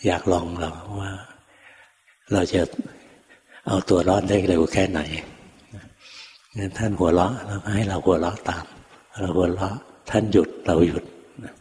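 Deep-voiced older monk in a reverberant hall. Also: male voice. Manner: calm, unhurried storytelling with quoted teachers. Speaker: Buddhist monk teacher. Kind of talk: dharma talk storytelling. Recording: long hall reverb, faint noise.

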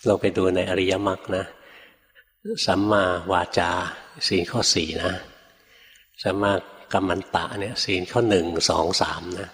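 An older man, a Buddhist monk, giving a relaxed, folksy storytelling sermon, often ending phrases with a soft tag particle. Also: sits low, unhurried. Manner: relaxed, folksy, peppers speech with a soft tag particle, acts out quoted voices. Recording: long hall reverb.

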